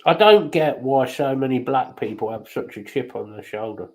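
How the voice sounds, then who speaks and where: A man's voice: medium pitch, animated, moderate pace, rough recording. A man hosting a casual chat, talking bluntly and swearing freely. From England.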